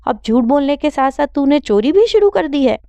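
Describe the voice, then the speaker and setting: A woman's voice: fairly high pitch, animated, a little mellow, smooth, no room sound. A woman voicing a hard-working young woman student, an older sister who accuses in a heated way. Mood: angry.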